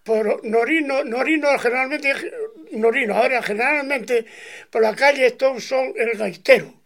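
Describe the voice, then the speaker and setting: A very high, fairly bright male voice at normal speed belongs to a bagpiper in his nineties with an Asturian Spanish accent. He spins long, rambling stories from his life for an interviewer, folksy and meandering, acting out the voices of the people in them.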